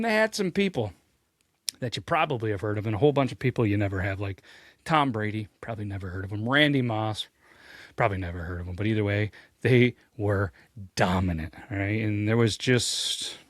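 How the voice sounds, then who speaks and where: A man hosting a sports ranking show, telling the story with jokey asides and rising excitement. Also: moderate pace, dry recording, studio quality. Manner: animated, jokey, pitch swings when excited. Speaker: host. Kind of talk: energetic sports commentary.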